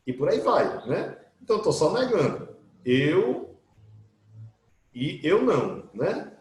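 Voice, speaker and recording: A man's voice: fairly high pitch, slow. A man teaching an English grammar class online, acting out his students' questions as he explains. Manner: lively, voices imagined student questions. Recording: echoey room.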